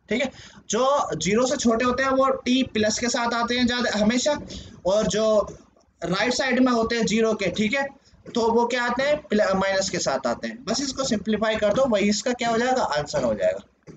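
A male teacher explains a lesson at a board, asking questions and answering them himself while frequently checking in with "okay," or "ठीक है." His voice sits high and sounds animated at a moderate pace. The recording is dull and lo-fi with faint noise.

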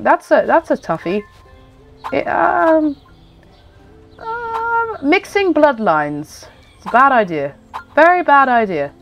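Congested, lively woman with a pinched-nose sound. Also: a little high, muffled recording. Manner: chatty, rambling, self-interrupting. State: congested with a cold. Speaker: gaming video host. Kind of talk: casual chatty game commentary.

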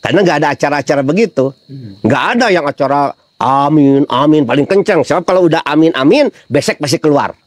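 Recorded dry, a middle-aged man with a fairly high voice speaks fast as he preaches an easygoing sermon. He entertains listeners with funny anecdotes and keeps asking them rhetorical questions in a chatty, storytelling style.

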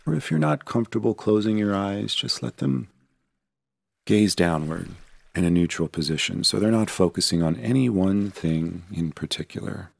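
Soothing and unhurried, a man with a very deep voice leads listeners through a meditation, a distinct creak running through his tone. His gentle instructions are captured close-up and dry, with no echo from the room.

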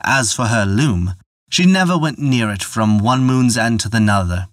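A man narrating a folktale in a measured, expressive storytelling manner on a close mic. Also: medium pitch, dry recording.

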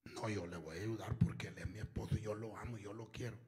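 A man's voice: fairly low pitch, fairly even intonation, fast talker, warm tone, voice pushed down, natural voice. A man voicing a devoted wife who insists in a pleading way, barely changing his own voice. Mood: insistent.

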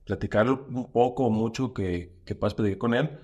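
A man, a stand-up comedian chatting casually as a podcast guest, slangy and animated, with lots of fillers. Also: on the low side, normal speed, muffled recording.

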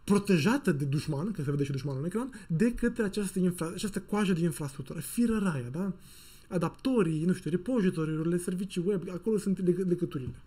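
Animated man giving a relaxed technical talk. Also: high voice, slightly rough. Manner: animated and joking, with playful sound effects and slang. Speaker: software conference speaker. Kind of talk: casual technical talk to an online audience.

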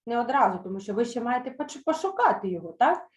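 A woman teacher reading a children's story aloud in an online lesson, then explaining words slowly and carefully with some hesitant fillers. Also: fairly high pitch, sing-song, roomy sound, muffled recording. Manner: slow, careful pronunciation of words for pupils to repeat.

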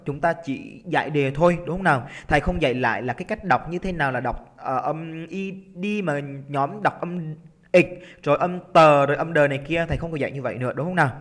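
A Vietnamese man teaching an English exam-prep lesson. He is lively and coaxing, drags out words slowly to show the stressed syllable, and keeps checking in with his students. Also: on the high side. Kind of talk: exam-prep lesson, explaining test answers. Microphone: computer recording while drawing on screen.

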